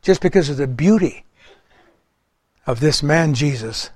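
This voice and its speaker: A middle-aged man preaching a sermon in an earnest way, his voice swelling loud and then dropping soft. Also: fairly high pitch, lively intonation, unhurried, no echo.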